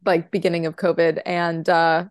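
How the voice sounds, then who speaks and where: A woman's voice: lowish voice, little pitch movement, moderate pace, dry recording, studio quality. A young woman in a band, chatting as a podcast guest, talkative and giggly. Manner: chatty, giggly, lots of fillers. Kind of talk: casual interview.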